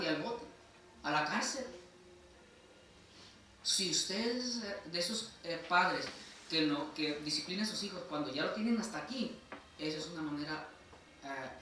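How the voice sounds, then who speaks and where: A man's voice: a little high, pushed and bright. A man with a Mexican accent preaching a sermon as pastor, emphatic and repeatedly calling his listeners brother. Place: church sanctuary. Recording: echoey church hall from far off, faint noise.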